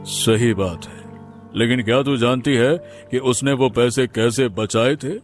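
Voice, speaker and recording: Kindly wise cartoon uncle voiced by a man, mid pitch, gentle consoling delivery, faint music. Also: measured pace, lightly acted. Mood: earnest. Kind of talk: Hindi cartoon voice acting.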